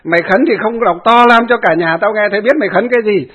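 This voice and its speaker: A man voicing an angry grown son who hurls insults and shouted accusations. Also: sits high, fast, voice pushed up. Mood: furious. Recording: tinny phone-like audio.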